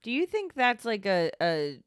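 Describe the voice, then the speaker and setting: A woman's voice: mid-range voice, sing-song, unhurried, clear, resonant tone, no echo, studio quality. A woman co-hosting a podcast, reacting casually and chatting with a lot of filler words. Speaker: podcast co-host. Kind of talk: casual chat.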